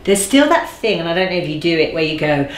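A woman in her forties, a guest in an interview, speaking thoughtfully and slowing down to stress key phrases. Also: fairly low pitch, big pitch swings, slight background noise. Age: 40s. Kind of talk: reflective conversational interview. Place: bright living room, seated on a sofa. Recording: roomy echo.

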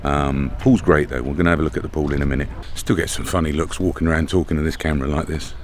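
A bass voice, steady in tone but fast, belongs to a middle-aged British travel vlogger chatting casually to camera at a campsite. He films at arm's length, and the outdoor camera audio has background noise.

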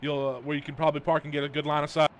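A man leading a squad in an online war game, giving brisk commanding orders over voice chat. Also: fairly high pitch, flat delivery, a bit bright.

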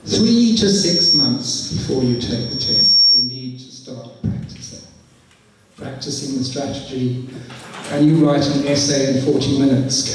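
A middle-aged man who is losing his voice gives a slow, encouraging talk on an exam to students at a school, taking questions afterwards. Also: mid-range voice, heavy background noise. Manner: slow, encouraging, repeats himself. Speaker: IELTS teacher giving a talk to students. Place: large echoey school hall. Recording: echoey hall from far off.

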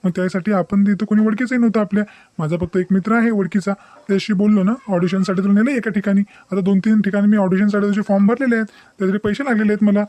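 A man's voice: high-pitched, fairly even intonation, a little mellow, natural voice. A man voicing a young, deceitful, bossy boyfriend in a cartoon, dismissive and threatening. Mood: taunting. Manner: dismissive, taunting, fast-talking. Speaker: cartoon character. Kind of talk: Marathi cartoon voice acting.

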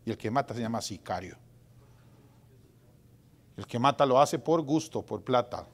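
A man in his forties preaching a sermon as pastor in a church, dramatic, going from loud outbursts to hushed whispers. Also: mid-range voice, lively intonation, normal speed. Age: 40s.

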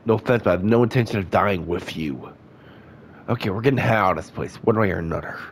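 Sounding congested, a man with a lowish voice plays a game casually at a quick pace, reading its dialogue aloud in his normal voice and chatting in between. He's a gaming YouTuber, with slight background noise in the clip.

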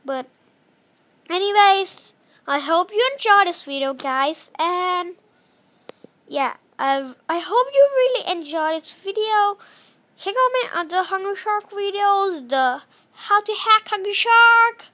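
A woman giving casual gameplay commentary, chatty and apologetic, breaking into excited shouts. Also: extremely high pitch, slow pace. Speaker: gaming channel host.

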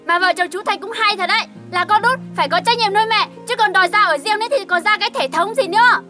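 A woman's voice: very high voice, fast talker, bright, forceful tone, soft background music. A woman playing a pushy young wife who insists on moving out and argues sharply with her mother-in-law. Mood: sharp arguing. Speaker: daughter-in-law.

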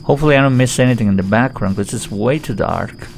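A man's voice: medium pitch, quick pace, creaky. A man giving chatty, joking let's-play commentary on a horror game. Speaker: gaming YouTuber.

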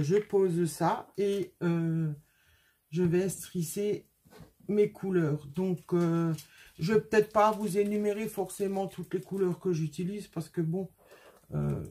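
Chatty woman with a mellow voice. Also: fairly low pitch. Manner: chatty, many hesitations. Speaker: craft tutorial host. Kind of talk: casual craft tutorial.

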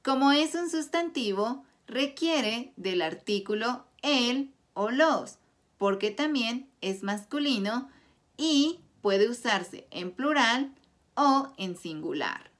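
A woman teaching a Spanish grammar lesson, explaining clearly and deliberately through example sentences. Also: fairly high pitch, animated, fairly bright tone. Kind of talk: slow scripted grammar lesson.

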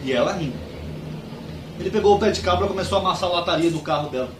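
Brazilian man, joke teller, quick, fairly high voice, echoey room, far from mic. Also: background noise. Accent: Brazilian Portuguese. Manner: lively storyteller, acts out dialogue. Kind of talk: telling jokes.

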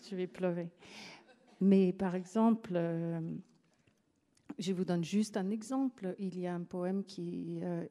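A woman's voice: on the low side, steady tone, slow, mellow. A woman writer talking onstage at a live literary evening, reflective and hesitant, with many fillers and restarts. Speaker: guest writer. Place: theatre stage before an audience. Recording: live event audio capture.

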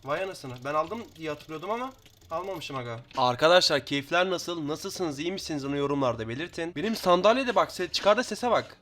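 A teenage boy giving excitable gameplay commentary, chatting to viewers, swearing and shouting at opponents. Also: a little high, a little fast. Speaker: gaming YouTuber.

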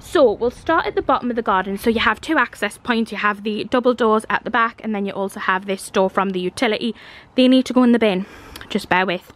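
Holding her own handheld camera, a young vlogger from Newcastle, North East England, shows viewers around her house and garden in a chatty, informal way. Her Geordie-accented voice is medium-pitched, brisk and fairly bright.

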